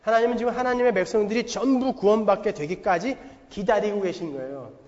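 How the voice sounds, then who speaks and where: A man's voice: high-pitched, a little fast, a little mellow. A middle-aged male pastor preaching a sermon in a church, emphatic and posing rhetorical questions to the congregation. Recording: long hall reverb, dull lo-fi sound.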